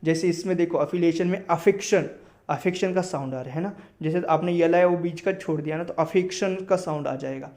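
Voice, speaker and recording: A young Indian man teaching vocabulary, reading English sentences slowly and then explaining them in quick conversational talk, often checking in with "right?". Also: on the high side, darkish tone. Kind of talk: explaining lesson in Hindi and English.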